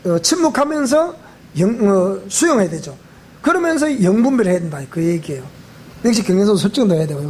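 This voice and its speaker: A man with a Gyeongsang accent preaching a sermon in a church, animated, repeating phrases and asking the congregation questions. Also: extremely high pitch, slight background noise. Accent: Gyeongsang Korean. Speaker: pastor.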